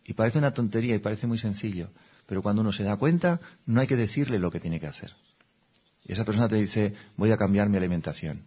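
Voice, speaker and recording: Man, meditation teacher, calm reflective talk, low voice, dull lo-fi recording. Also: fast, husky. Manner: calm, conversational, checks in with listeners.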